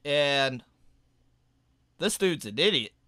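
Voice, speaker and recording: A man's voice: on the high side, animated, slow, bright, forceful tone, no room sound. A man co-hosting a podcast, chatting casually with blunt, mocking jokes. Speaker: podcast co-host.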